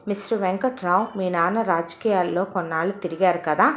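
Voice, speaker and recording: A woman voicing a calm, matter-of-fact male doctor in an audio story. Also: on the low side, a little fast, echoey room, lightly acted.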